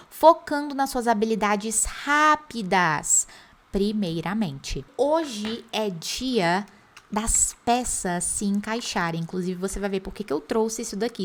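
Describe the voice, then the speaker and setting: A woman with a Brazilian Portuguese accent teaching an online class, lively and chatty, with teasing asides to the crew. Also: medium pitch. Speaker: English teacher and host. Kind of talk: online class, speaking straight to camera.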